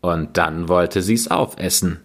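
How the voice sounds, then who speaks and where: A man narrating a fairy tale in a slow, expressive reading. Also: low voice, vocal fry. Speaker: storyteller.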